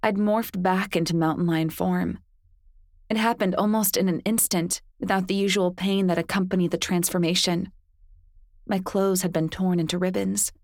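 A woman's voice: fairly low pitch, fairly even intonation, moderate pace, a little mellow, no room sound, studio quality. A woman narrating first-person audiobook fiction with intense, emotional delivery.

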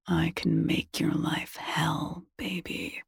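A woman's voice: low-pitched, animated, slow pace, gravelly, darkish tone, slightly rough, no echo, heavily acted. A woman voicing a controlling man who murmurs menacing threats close up.

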